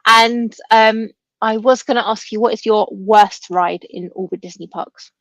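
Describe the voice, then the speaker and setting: A woman's voice: a little high, steady tone, a little slow, fairly bright tone, dry recording, low-quality recording. A woman hosting a casual chat and asking questions, with slightly imprecise R and W sounds. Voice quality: trouble pronouncing R's and W's.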